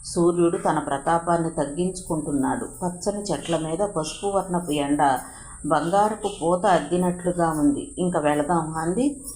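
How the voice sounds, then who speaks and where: A woman narrating a novel in a steady, expressive storytelling reading. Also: low voice, moderate pace, slight background noise. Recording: roomy echo.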